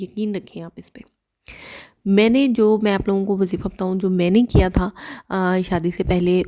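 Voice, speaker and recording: A young adult woman from Pakistan giving earnest, casual spoken advice in a vlog, repeating herself and often pausing with "um". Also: mid-range voice, dark tone. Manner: earnest and repetitive, with many "um" fillers. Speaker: vlogger.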